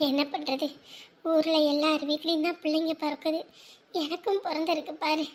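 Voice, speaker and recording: A woman plays a widowed mother in a family drama, speaking mournfully and reminiscing with her daughter. Her voice is very high and thin. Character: grieving widowed mother, sorrowful, reflective. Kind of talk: Tamil family drama acting.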